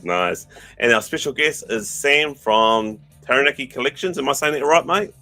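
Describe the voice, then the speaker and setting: A man's voice: medium pitch, expressive, moderate pace, sharp tone, soft background music. A man with a broad New Zealand accent hosting a podcast in casual, matey, slangy chat. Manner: blokey, matey, slangy address. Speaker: podcast host.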